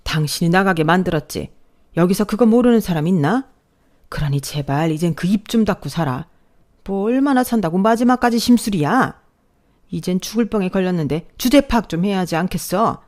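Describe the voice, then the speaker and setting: A woman voicing a blunt older father-in-law who scolds loudly in a radio drama. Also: low-pitched, steady tone, a little fast, natural voice. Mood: scolding.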